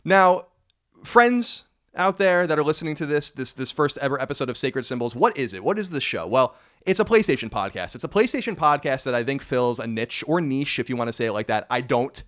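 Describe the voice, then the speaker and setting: This podcast host is a man from the United States in his thirties, with a medium pitch that swings widely, a fairly quick pace, and a fairly bright tone. His casual show meanders as he corrects himself and adds wry asides.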